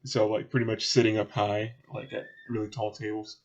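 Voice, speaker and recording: A man narrating as game master for a tabletop game, relaxed and rambling with many fillers. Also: fairly low pitch, fairly quick, highs cut off.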